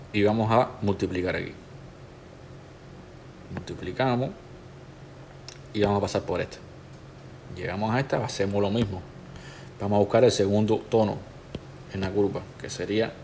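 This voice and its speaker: Low-voiced man explaining steps. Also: gravelly, a little hiss or hum. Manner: relaxed, instructive, talks the viewer through each step. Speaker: tattoo artist teaching a digital stencil technique. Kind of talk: step-by-step tutorial narration.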